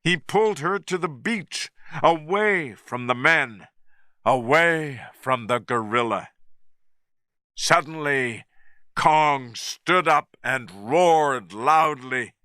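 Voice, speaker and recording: A man narrating a story at a very slow, deliberate pace for English learners. His voice is bright and lively in pitch, recorded dry and close. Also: no room sound. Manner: clear, deliberate reading.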